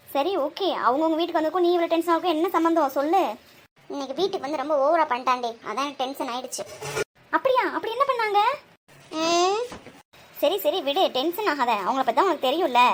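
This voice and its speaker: A woman's voice: high-pitched, fairly bright tone, slight background noise. A woman voicing chatty, bickering young college girls in a Tamil cartoon.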